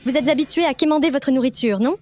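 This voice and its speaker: A woman's voice: quick pace, music in the background, lightly acted. A woman dubbing an arrogant young female schemer who pretends to be the boss's wife, in a contemptuous manner. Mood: scornful. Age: young adult. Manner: contemptuous, shrill. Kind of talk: French drama dubbing.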